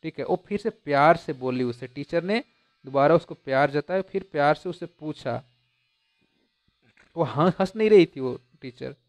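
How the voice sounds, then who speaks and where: Male tutor with a smooth, clear voice and a slightly high pitch, reading text deliberately, then explaining casually. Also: expressive, no room sound. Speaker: teacher explaining a textbook story. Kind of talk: line-by-line lesson, reading English text slowly then explaining in Hindi.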